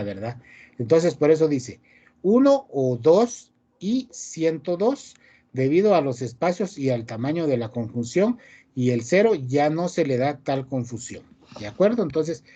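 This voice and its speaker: A man's voice: on the high side, dark tone, dull audio. A male teacher giving a class, reading rules aloud and explaining them, often ending phrases with a checking question to the students. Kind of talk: online class lecture.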